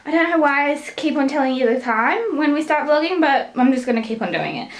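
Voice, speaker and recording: Fast-talking and animated, this Australian vlogger in her twenties speaks in a high-pitched voice, chatting directly to a handheld camera held at arm's length. Her casual vlog moves between her home and her car.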